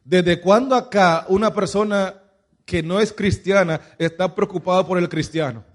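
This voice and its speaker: A man's voice: high voice, moderate pace. A man preaching a sermon as pastor, pressing his listeners with one rhetorical question after another.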